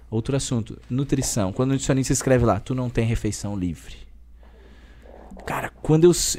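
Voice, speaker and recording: A man in his thirties with a southern Brazilian Gaúcho accent, talking emphatically and colloquially as a podcast guest. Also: medium pitch. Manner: emphatic, animated, colloquial, keeps saying "velho". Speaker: personal trainer guest. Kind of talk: casual podcast conversation.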